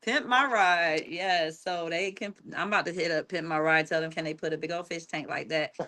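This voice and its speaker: A woman's voice: deep voice, little pitch movement, fairly quick, pushed and bright. A woman chatting as a guest in a radio studio, laughing often and joking, speaking into a studio microphone. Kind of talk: casual chat. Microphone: studio microphone with headphones.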